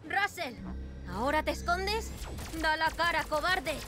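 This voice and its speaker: A woman's voice: very high-pitched, unhurried, sharp tone, faint music behind, full character voice. An actress playing a defiant, headstrong young woman adventurer in a dramatic video game style. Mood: resolute.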